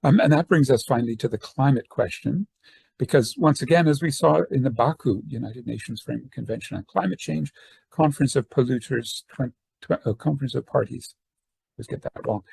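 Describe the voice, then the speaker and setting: Over a video call, an older academic and activist delivers a semi-formal conference talk with discursive, hesitant phrasing. Northern Ireland-born and raised in the southern United States, he speaks briskly in a mid-range voice that is husky, a little mellow, and fry-laden, with no room sound.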